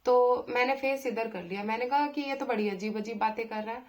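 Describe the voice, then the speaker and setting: A young woman, telling a personal story in a chatty way, with pauses and fillers. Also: on the high side, a little mellow. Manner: chatty, with many pauses and fillers, acting out her own angry replies. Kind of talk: casual storytelling.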